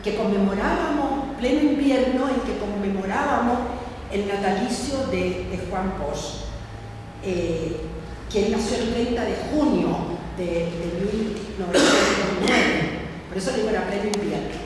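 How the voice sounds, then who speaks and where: A woman presenting a book at a book fair, talking in a halting way with many fillers and rhetorical asides. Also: medium pitch. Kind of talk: public talk at a book fair. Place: large hall at a book fair. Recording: echoey hall from far off, background noise.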